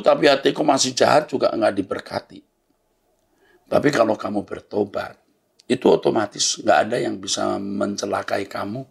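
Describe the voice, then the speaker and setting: A man's voice: mid-range voice, creaky, slightly rough. A man, a pastor, answering listeners' letters in a blunt, scolding yet fatherly way.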